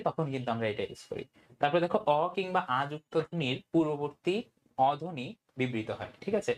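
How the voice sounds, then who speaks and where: A tutor teaching an online Bangla grammar class, often asking "okay?" and mixing in English words. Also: medium pitch. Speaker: admission test tutor.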